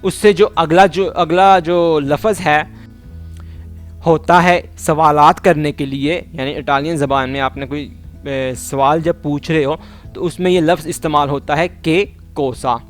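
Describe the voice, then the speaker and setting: Man w/ a higher voice, explaining vocab reeeally slow, soft music underneath. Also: steady tone. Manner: repeats phrases slowly and carefully, explains in plain terms. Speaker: language teacher. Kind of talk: slow spoken language lesson.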